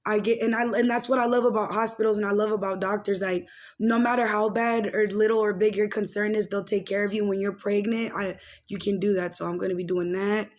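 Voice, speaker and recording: This podcast host and commentator, a woman in her late twenties, talks a little fast with a mid-range voice and fairly even intonation. She meanders through gossip and life updates in relaxed slang, leaning heavily on fillers.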